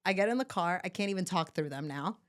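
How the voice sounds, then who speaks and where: Young woman telling an animated story. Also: fairly low pitch, fast. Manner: animated, swears freely, acts out quotes. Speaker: podcast guest, new mother. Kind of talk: casual chat, storytelling.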